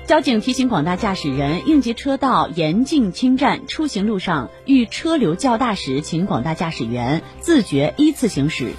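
A woman radio presenter reading scripted news bulletins in a formal manner. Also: lowish voice.

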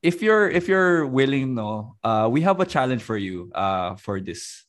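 A Filipino man hosting a podcast interview, asking questions in a relaxed mix of English and Tagalog, with lots of tag questions and fillers. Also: medium pitch, unhurried. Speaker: podcast host. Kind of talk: casual interview.

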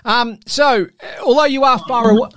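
Man, Australian accent, high-pitched voice, dry close sound, podcast host, casual sports chat, matey and teasing. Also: normal speed, a bit bright, dry recording.

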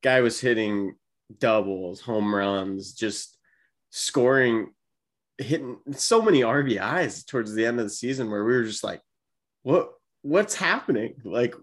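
A man's voice: on the low side, a little slow. A man co-hosting a podcast, chatting casually about baseball in a laid-back, filler-heavy way. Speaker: podcast co-host. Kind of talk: casual sports chat.

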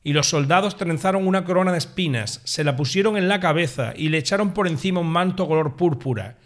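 Guy reading the gospel at mass, steady and measured, kinda high voice. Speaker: lector.

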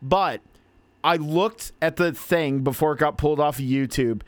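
Smooth-voiced man telling an excited story. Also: fairly high pitch, moderate pace, dry recording. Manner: excitable storytelling, stammering restarts. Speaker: podcast co-host. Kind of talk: casual chat.

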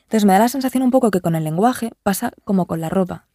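A woman's voice: mid-range voice, animated, quick pace, dark tone, dry recording, clean studio sound. A woman hosting a podcast interview, chatting casually and asking questions. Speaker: podcast host. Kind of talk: conversational interview.

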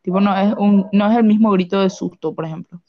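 A woman's voice: mid-range voice, brisk, dull audio. A young woman co-hosting a casual podcast chat, loose and slangy with fillers. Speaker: podcast co-host.

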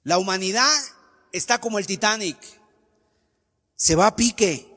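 A man's voice: high voice, measured pace, pushed and bright. A man preaching a sermon with an emphatic, sing-song cadence. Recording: long hall reverb.

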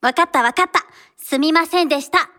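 A woman's voice: sits high, a little fast, sharp tone. A woman voicing a casual, blunt young girl racer in a radio drama.

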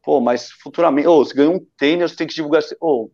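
A Brazilian man with a fairly high, mellow voice talks fast, telling rambling stories with enthusiasm. He's a guest on a casual podcast and works as a photographer at running events. The recording sounds dull and lo-fi.

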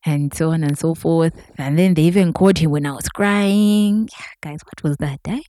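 A woman's voice: deep voice, moderate pace, no room sound, clean studio sound. A woman, chatting casually to viewers as she tells a story. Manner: chatty, addresses viewers directly, animated. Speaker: vlogger.

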